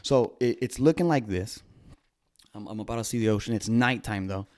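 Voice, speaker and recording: A man in his thirties casually telling his viewers a story, animated, with gasps, restarts and trailing phrases. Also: fairly low pitch, brisk. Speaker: vlogger.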